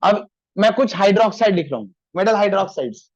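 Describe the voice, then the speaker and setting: High-voiced man teaching a chemistry class. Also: animated, dry recording, muffled recording. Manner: dictates formulas slowly, scolds students for chatting. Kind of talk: classroom lecture.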